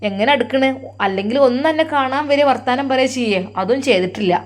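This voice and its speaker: A woman's voice: on the high side, brisk, close to an everyday voice. A woman voicing a caring, protective middle-aged mother who comforts and scolds, with a Malappuram Malayalam accent. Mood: soothing. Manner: soothing, firm.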